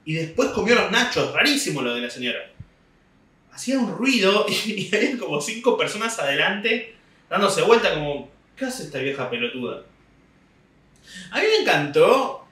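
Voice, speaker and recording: Recorded from a distance in a small home room, this young Argentine-accented comedian and podcast host delivers a loose, funny monologue story. His sharp voice sits high with big pitch swings at a normal speed, and the room sounds roomy. He uses a stand-mounted desk mic, with the camera set back.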